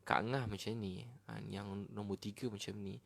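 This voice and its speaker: A Malaysian man giving a casual, animated sermon as a preacher, talking directly to his listeners. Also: fairly low pitch, moderate pace, gravelly. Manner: animated, chatty, addresses listeners as brothers and sisters. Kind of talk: casual sermon to an online audience.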